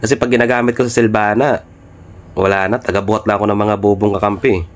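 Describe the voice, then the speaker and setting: A man giving live commentary on his own gameplay, excitable and trash-talking, swearing often. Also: fairly low pitch, fast. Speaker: gaming streamer.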